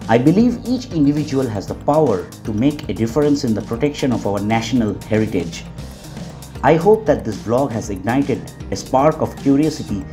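Male, measured nature documentary narrator, dark warm tone, faint music underneath. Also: mid-range voice, lively intonation. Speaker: wildlife vlog narrator.

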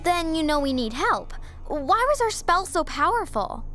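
An earnest, worried teenage troll girl from a cartoon, with a very high, bright voice. Her pitch moves in lively swings over faint music. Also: measured pace, full character voice. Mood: puzzled. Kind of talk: animated cartoon dialogue.

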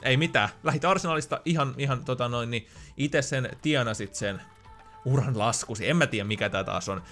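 A man's voice: mid-range voice, a bit bright, soft background music. A man giving casual gameplay commentary, thinking aloud with chatty, joking asides. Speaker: gaming YouTuber.

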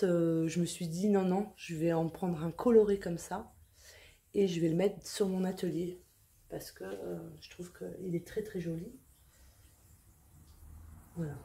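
A woman's voice: medium pitch, dark tone. A middle-aged woman chatting casually on her vlog, rambling and full of fillers. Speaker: vlogger. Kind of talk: casual chat.

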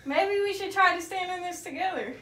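A young woman with a high voice, chatting in a casual, playful way. She is recorded off-mic in a small, echoey bathroom with clear background noise. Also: a little fast. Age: young adult. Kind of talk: casual playful challenge chat. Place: small tiled bathroom indoors.

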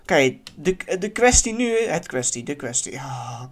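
A man giving casual let's-play commentary in a lively way, swearing now and then and yelling at near misses. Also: on the high side, unhurried, faint music behind. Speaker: gaming YouTuber.

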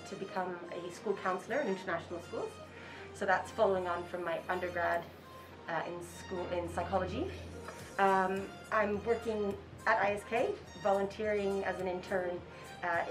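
Sitting outside on a school campus, a school counseling intern from Kenya in her twenties answers interview questions earnestly, with fillers and restarts. Her medium-pitched voice is recorded from a distance, with poor audio and music playing beneath.

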